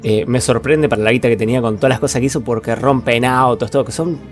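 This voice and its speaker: A man with an Argentine Spanish accent co-hosts a podcast, talking about films in a casual, slangy way with lots of swearing. His voice sits at a medium pitch and moves at a quick pace, with faint music in the background.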